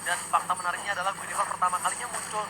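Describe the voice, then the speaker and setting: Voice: medium pitch, little pitch movement, very fast, very noisy. An esports caster gives dramatic, exclamatory play-by-play in the manner of a fighting game announcer. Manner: dramatic, exclamatory, swinging into shouts on big plays. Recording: loud music and game sound behind.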